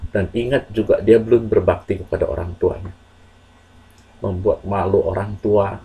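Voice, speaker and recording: A man's voice: lowish voice, steady tone, dark tone, husky, low-quality recording. Earnest man telling a moral tale. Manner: slow, measured, earnest with pauses. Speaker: storyteller to children. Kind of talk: moral storytelling.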